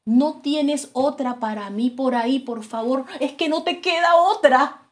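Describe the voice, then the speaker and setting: A woman's voice: high-pitched, measured pace. A woman preacher voicing a desperate young man pleading with his father for a blessing.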